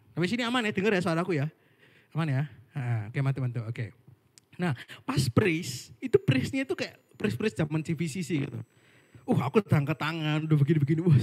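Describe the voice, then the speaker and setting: A young man gives a relaxed sermon. His pitch runs high and swings widely as he tells stories with slangy, joking asides. His voice has a slightly husky edge. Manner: chatty storytelling, jokey asides, slangy. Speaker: worship speaker. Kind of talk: casual sermon. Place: online worship service.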